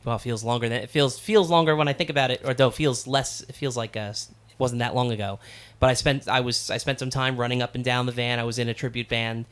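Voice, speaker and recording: A man's voice: mid-range voice, quick pace, clean tone. Easygoing man rambling through a chat. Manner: relaxed, rambling, many fillers. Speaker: guest musician. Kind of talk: casual chat. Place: studio.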